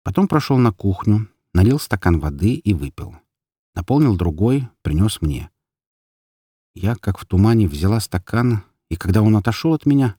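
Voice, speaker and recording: A man narrating an audiobook story in an expressive, dramatic way. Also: on the low side, husky, no room sound, studio quality.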